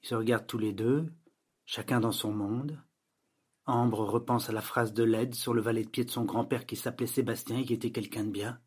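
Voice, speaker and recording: A man narrating a novel aloud with steady, measured storytelling. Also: medium pitch, slightly rough. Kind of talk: audiobook narration.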